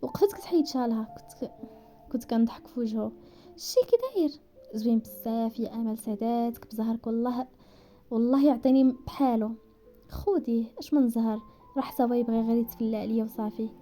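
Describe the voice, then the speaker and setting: A woman with a Moroccan Darija accent narrating a romance story at speed, voicing the characters' dialogue as she goes. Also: on the high side. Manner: rapid, animated reading that slips into characters' voices.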